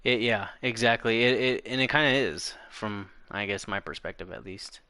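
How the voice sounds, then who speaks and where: A man's voice: lowish voice, normal speed, pushed and bright, smooth, dry recording. A young man hosting a casual gaming chat, laid-back, often laughing as he reads the chat. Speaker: podcast host reading chat.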